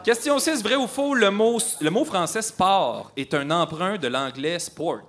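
Lively Quebec man hosting a quiz. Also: sits high, measured pace. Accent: Quebec French. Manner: animated, laughing, teasing. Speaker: radio quiz host. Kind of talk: playful quiz segment on air.

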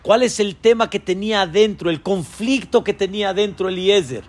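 A man, a rabbi, teaching a Torah lesson, asking his listeners rhetorical questions and jumping to a high voice when quoting figures. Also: fairly quick. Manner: voices quoted figures with sudden high pitch.

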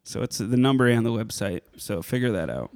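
A man's voice: mid-range voice, big pitch swings, brisk, darkish tone. A man co-hosting a comedy podcast, riffing casually and often laughing mid-line. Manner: giggly, laughs through his lines. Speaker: podcast co-host.

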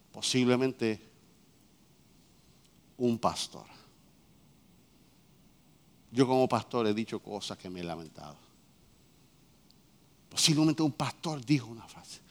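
Impassioned pastor preaching. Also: male voice, very animated, slow, pauses often, big-room sound. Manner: impassioned, swinging between loud shouts and quiet low lines. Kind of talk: sermon.

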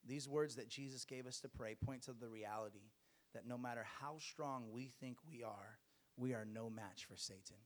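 A man's voice: medium pitch, normal speed. A man preaching a sermon to a congregation, exhorting them emphatically with rhetorical questions and repeated phrases.

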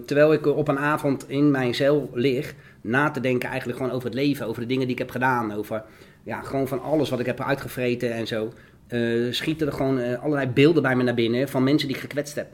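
A man's voice: mid-range voice, steady tone. A man from the Netherlands giving an emotional, fervent testimony as an interview guest. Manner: earnest, fervent, fast and repetitive.

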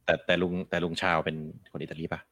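A man's voice: sits low, flat delivery, fast talker, fairly bright tone. A man co-hosting a casual gaming chat, laying out his points step by step. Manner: chatty, explains points in numbered steps. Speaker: podcast co-host.

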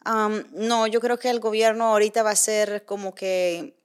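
A woman chatting casually and telling a lively story, mixing in English phrases. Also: mid-range voice, normal speed, smooth. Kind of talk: casual bilingual chat.

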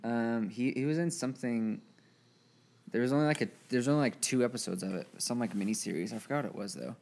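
A man's voice: medium pitch, quick pace, creaky, a little mellow. A man co-hosting a podcast in casual chat, rambling and swearing, laughing easily. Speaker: podcast co-host.

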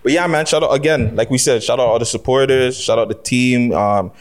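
A man hosts a casual podcast. His voice sits at a middling pitch. He talks emphatically in street slang and swears freely. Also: brisk. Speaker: podcast host.

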